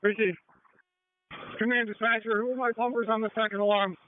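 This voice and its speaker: A man's voice: high voice, little pitch movement, a little fast, narrow, tinny audio, a little hiss or hum. A man working as a firefighter, giving terse reports over emergency two-way radio.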